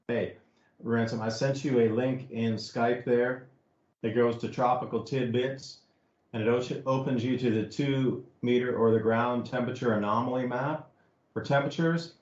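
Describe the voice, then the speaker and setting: A man's voice: mid-range voice, darkish tone. A man co-hosting a podcast, explaining things in a loose, talkative way with many fillers. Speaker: podcast co-host. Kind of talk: casual commentary. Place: home studio in East Tennessee. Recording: roomy, slightly muffled audio.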